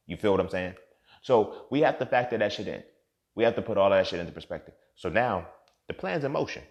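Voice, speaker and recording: A man in his thirties giving a profane, impassioned monologue as a podcast host, swinging from low muttering to loud outbursts. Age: 30s.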